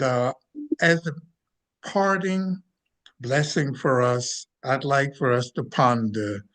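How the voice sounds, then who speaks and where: A man offers a closing blessing in a mid-pitched voice. He is calm and gentle, extremely slow and deliberate, with the solemn phrasing of prayer. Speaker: minister giving a benediction. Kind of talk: prayer, benediction.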